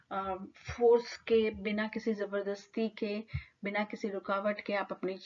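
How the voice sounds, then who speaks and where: Woman teacher explaining, slightly muffled audio. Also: medium pitch. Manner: explanatory, mixing English terms into Hindi. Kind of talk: lecture to students.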